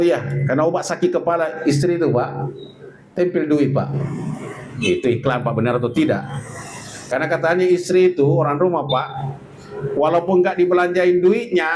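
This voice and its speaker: A man's voice: medium pitch, a little hiss or hum, poor audio. A man preaching a religious study sermon in a conversational, joking way, constantly addressing the audience directly. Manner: conversational, keeps adding "Pak" and "itu, Pak, ya"; jokes with the audience, lively and animated.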